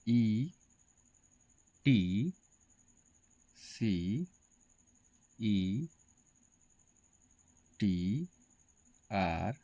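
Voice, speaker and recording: A man's voice: medium pitch, a little mellow, dry recording. A man teaching a pronunciation lesson to students, spelling out words letter by letter.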